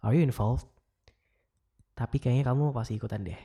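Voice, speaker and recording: A young man with an Indonesian accent playing a caring, wistful ex-boyfriend in a gentle, casual, intimate voicemail monologue, mixing in English. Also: mid-range voice, brisk, vocal fry, breathy edge. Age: young adult.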